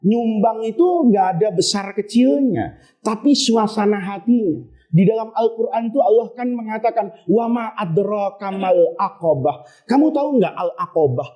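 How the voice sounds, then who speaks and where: A male preacher telling a sermon story, animated, asking questions and answering them himself, sometimes bursting into shouts. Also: high voice, moderate pace.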